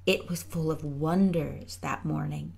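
A woman reading a children's book aloud at a library storytime, gentle and measured. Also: low voice, steady tone, gravelly, slightly rough. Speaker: storytime reader.

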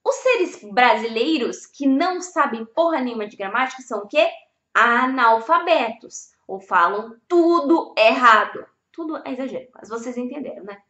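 A woman's voice: a little high, lively intonation, brisk, hardly any pauses. A young woman giving a casual video lesson on language learning, blunt and emphatic, swearing freely. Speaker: Spanish teacher. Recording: echoey room, slightly dull audio.

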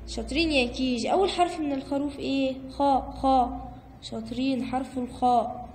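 Young Egyptian woman, kindergarten teacher, sing-song praise, reverberant room. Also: high-pitched. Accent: Egyptian Arabic. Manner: slow, sing-song coaching with frequent praise. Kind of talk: online lesson for young children. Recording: long reverb, faint background noise.

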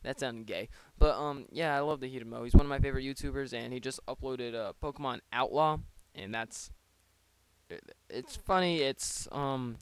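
A man's voice: mid-range voice, normal speed, clean tone, no echo. A man giving casual, rambling play-by-play of his own online battle, with joking asides, close to a desk microphone. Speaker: league player.

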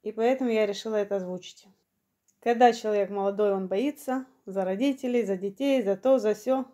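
Woman around fifty, mellow unhurried storytelling. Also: medium pitch. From Ukraine. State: slightly short of breath. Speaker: vlogger. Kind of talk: personal storytelling to camera.

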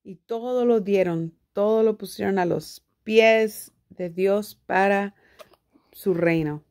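A woman's voice: medium pitch, slow pace, over loud music. Lady talking over a clip, repeating each line after it plays, everyday middle voice. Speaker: video commentator translating a clip. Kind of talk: casual commentary and live translation.

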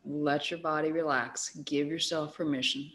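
A middle-aged woman guiding a yoga relaxation in soft, gentle, unhurried instructions with long pauses. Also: low-pitched, fairly even intonation. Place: large high-ceilinged home living room studio. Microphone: webcam at a distance. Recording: echoey room, faint hiss from webcam.

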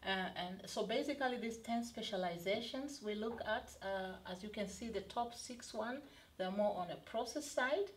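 A middle-aged woman from Tanzania, a study advisor, explaining a study programme in an interview with frequent pauses and fillers. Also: medium pitch, slight background noise. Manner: hesitant, many fillers and restarts. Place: studio set, indoors.

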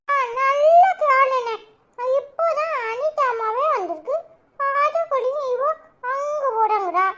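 A woman's voice: very high-pitched, a bit bright. A woman with a Kanyakumari Tamil accent voicing whiny, tearful little boys in a cartoon. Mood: pleading. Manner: whiny, sobbing, drawn-out. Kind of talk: cartoon voice acting.

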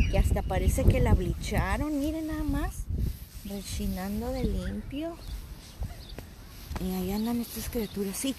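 On a windy seaside stroll, a vlogger in her forties with a Mexican accent keeps up playful, jokey live-stream chat with her viewers, her phone at arm's length. Her voice leans high, and background noise can be heard.

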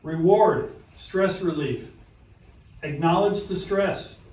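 A man's voice: high voice, slow, a little mellow. A man presenting a self-help lesson to a small group, emphatic and repeating his key points. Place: room with a small live audience. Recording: echoey room from far off, faint noise.

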